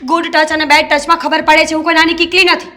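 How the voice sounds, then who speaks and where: An indignant young wife, played by a woman, firm and unyielding. Her voice is high and bright, with faint music behind. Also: flat delivery, fast talker. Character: young married woman firmly rejecting her brother-in-law. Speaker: actor in a web drama.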